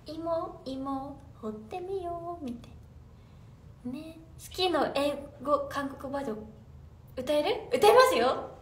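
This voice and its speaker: Reading fan comments aloud and giggling through her replies, a bubbly young woman chats casually on a phone livestream in a high voice with lively intonation and an unhurried pace. The mic is distant and slightly off to the side, and the roomy space echoes over a faint hum.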